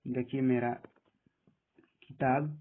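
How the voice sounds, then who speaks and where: A man with a husky voice giving plain step-by-step instructions in a screen-recorded app tutorial. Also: medium pitch, little pitch movement, slow. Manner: plain step-by-step instructions, often saying "dekhiye". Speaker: tutorial presenter. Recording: tinny phone-like audio.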